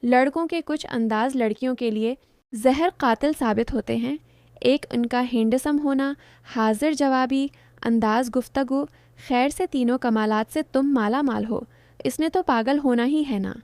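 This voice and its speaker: Woman doing a playful teasing girlfriend, fairly high and warm, storybook reading. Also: no echo. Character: teasing young woman, the fiancée's friend.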